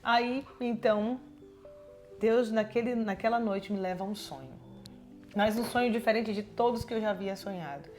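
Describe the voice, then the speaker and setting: A woman's voice: a little high, normal speed, a little mellow, faint music behind. A woman missionary telling her personal testimony in an earnest voice, acting out remembered dialogue. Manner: earnest storytelling.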